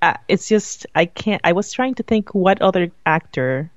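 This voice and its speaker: Co-host, mid pitch, halting and laughing in casual chat, dull close-miked dry sound. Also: animated, no room sound. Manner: hesitant, many fillers and restarts, laughs often.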